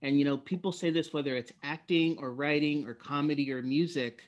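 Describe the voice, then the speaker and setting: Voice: medium pitch, fairly even intonation, muffled recording. A podcast host chatting casually and offering encouragement to a guest. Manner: encouraging, conversational, quick affirmations. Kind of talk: casual interview chat.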